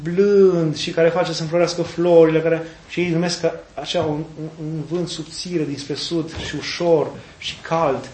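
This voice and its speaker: A man preaches a sermon in a fairly high voice, retelling scripture with folksy, animated asides. The sound is roomy and echoey, as in a church, with a faint hiss of background noise underneath. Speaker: Orthodox preacher.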